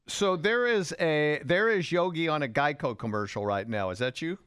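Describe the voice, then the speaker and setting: A man's voice: on the high side, normal speed, fairly bright tone, smooth, no echo, clean studio sound. A man hosting an interview, asking casual, conversational questions.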